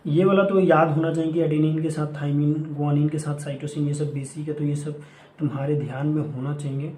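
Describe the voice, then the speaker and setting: A man's voice: on the high side, fairly even intonation, brisk, a little mellow. A young man coaching students for an exam, giving casual, repetitive instructions and mixing English terms into his Hindi. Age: young adult. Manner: mixes English phrases into Hindi speech. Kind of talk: casual exam-prep lesson. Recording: echoey room.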